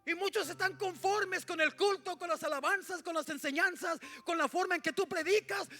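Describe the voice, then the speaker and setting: A male pastor preaching a sermon in church. He swings between shouted lines and hushed asides and keeps calling out to his congregation. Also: very high-pitched, moderate pace, soft background music.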